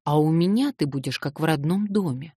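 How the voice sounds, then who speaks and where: A woman's voice: deep voice, lively intonation, brisk, warm tone, breathy edge, no echo, clean studio sound. A woman reading a grieving old man. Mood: sorrowful pleading. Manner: pleading, sorrowful.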